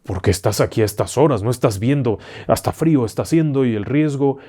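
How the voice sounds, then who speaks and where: Grumpy hard-nosed trucker, a guy putting him on, snapping and muttering, low mellow tone. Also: animated, a little fast, husky. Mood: gruff annoyed. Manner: grumbling and short-tempered. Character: gruff ill-tempered middle-aged male truck driver.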